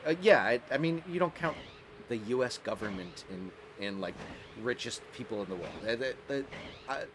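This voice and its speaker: Male streamer, mid-pitched, rambling and giggly, faint noise under him. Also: expressive, normal speed. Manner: rambling, laughs often, restarts sentences. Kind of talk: casual live-stream chat while gaming.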